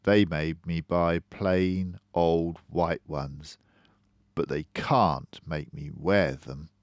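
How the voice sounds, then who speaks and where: An older man reading a picture book aloud as a storyteller, expressively, with dramatic pauses and emphasis. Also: low voice, fairly even intonation, no echo, studio quality.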